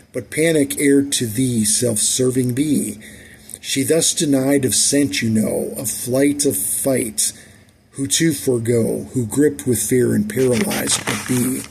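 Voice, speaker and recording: A tired middle-aged man reading his own poetry in a measured, deliberate way, with frequent restarts. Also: mid-range voice, vocal fry, darkish tone, a little hiss or hum.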